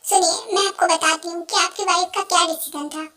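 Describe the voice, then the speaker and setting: Formal, firm doctor, a woman dubbing, very high and flat delivery. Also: brisk, loud music behind the voice. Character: calm professional female doctor. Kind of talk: Hindi fan dub.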